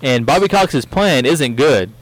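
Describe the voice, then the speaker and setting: Brief: male podcast co-host, mid pitch, dry close sound, loose rambling opinions. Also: animated, unhurried, no room sound, rough recording. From near Atlanta, US. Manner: rambling, many fillers, opinionated. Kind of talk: casual chat.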